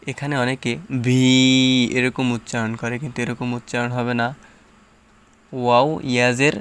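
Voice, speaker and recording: A man's voice: mid-range voice, little pitch movement, moderate pace, a bit bright, clear, resonant tone. A man teaching Quran reading, sounding out syllables one at a time and explaining the tajweed rules patiently. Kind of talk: tajweed lesson, syllable-by-syllable recitation.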